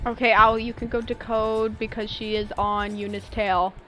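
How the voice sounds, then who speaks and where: A young woman streaming a game live, chatting casually with her viewers and breaking into sudden excited squeals. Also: on the high side, normal speed, faint music behind, rough recording. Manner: excitable, talks to chat, sudden squealy outbursts.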